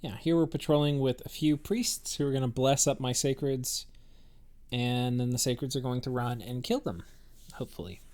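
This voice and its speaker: A man's voice: mid-range voice, normal speed, darkish tone. Man thinking aloud over a strategy game. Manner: rambling, thinks aloud with many fillers and restarts. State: has the hiccups. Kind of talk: casual gameplay commentary.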